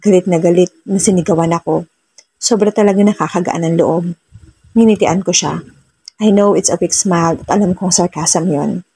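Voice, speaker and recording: A woman narrating a romance story in the first person, soft-spoken and switching between Tagalog and English. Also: fairly low pitch, normal speed, husky.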